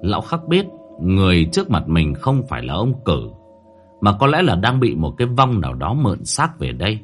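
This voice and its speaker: A man telling a horror story with a lowish voice that rises and falls dramatically. He slows for tense moments, with faint music playing underneath. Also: wildly swooping pitch.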